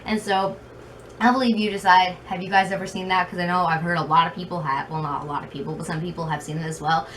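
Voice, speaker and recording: The speaker is a video blogger in her bedroom, telling chatty, rambling stories that make fun of herself. She talks quickly in a fairly low, steady, fairly bright voice with a very slight lisp. A fan adds room noise, and the mic is distant.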